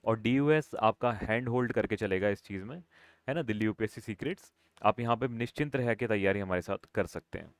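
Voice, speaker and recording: A lower-voiced male instructor talks students through exam preparation, switching between Hindi and English and circling back to his points with quick tag questions. His voice is smooth and resonant. The sound is dry and close. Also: no room sound. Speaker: coaching instructor. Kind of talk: explanatory exam-prep lesson.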